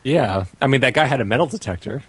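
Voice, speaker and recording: A man doing casual movie commentary who makes quick, matter-of-fact remarks. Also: mid-range voice, animated, breathy edge, no room sound. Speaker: podcast commentator.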